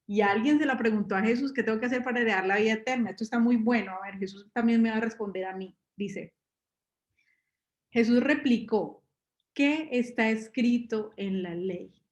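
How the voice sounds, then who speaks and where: A woman's voice: fairly high pitch, brisk, dull audio. A woman preacher giving a conversational sermon to a live congregation, asking her listeners rhetorical questions and drawing on everyday examples. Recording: roomy echo.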